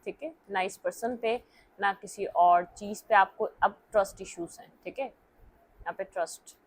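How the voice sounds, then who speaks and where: Speaking a little slowly in a mid-range voice, a young tarot reader talks her viewers through a casual reading. She's talkative and mixes English into her speech, frequently pausing to check in with "okay" and "theek hai."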